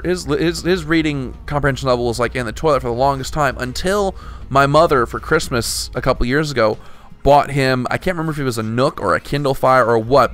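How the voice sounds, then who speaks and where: A young man hosts a casual podcast in a mid-range, fairly bright voice. He rambles, keeps restarting his sentences, and swears along the way.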